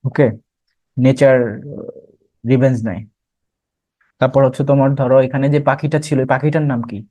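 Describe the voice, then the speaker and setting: A man's voice: medium pitch, fairly even intonation, moderate pace, dark tone. A young man teaching an admission test revision class, explaining terms and quizzing students as he goes.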